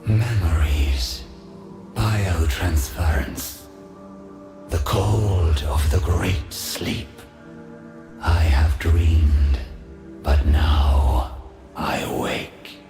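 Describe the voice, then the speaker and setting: An actor voicing an ancient female robot warrior guardian in a game, speaking slowly and gravely through a metallic robot voice filter, with echo and music behind. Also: low voice, full character voice. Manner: slow, grave, commanding. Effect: robot voice filter, metallic and echoing.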